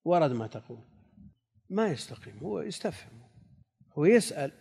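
A man's voice: fairly high pitch, big pitch swings, creaky, mellow, a little hiss or hum. Man teaching in a reverberant hall. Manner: reads quoted passages slowly, repeats key phrases, answers students. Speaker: religious teacher. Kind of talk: classical text lesson with commentary.

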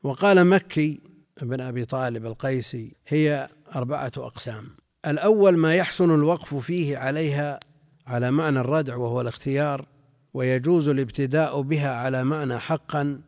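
A man's voice: mid-range voice, darkish tone, no room sound, clean studio sound. A man teaching a classical religious text, reading quoted sources aloud and explaining them, repeating phrases and correcting himself as he goes, sometimes asking his students questions. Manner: reads quoted sources, then explains in a measured way. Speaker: Islamic scholar teaching a text. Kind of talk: classical text lesson with commentary.

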